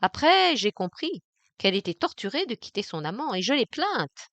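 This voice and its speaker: A woman reading a novel aloud in the first person, measured and intense. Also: medium pitch, very animated, fairly bright tone, no echo. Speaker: audiobook reader. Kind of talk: literary audiobook narration in the first person.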